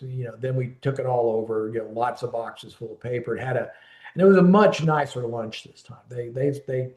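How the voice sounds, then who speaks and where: Speaking at medium pitch with a slightly mellow quality, a man in his fifties reminisces about a friend during an informal oral-history interview. The story runs long, with restarts and dramatized dialogue, and the sound is roomy.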